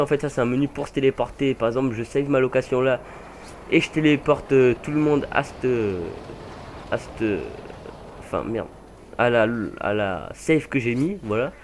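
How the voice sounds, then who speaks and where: A man's voice: mid-range voice, darkish tone, slight background noise. A young man casually commenting over a game mod demo, rambling with many fillers and self-corrections. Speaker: gaming channel host.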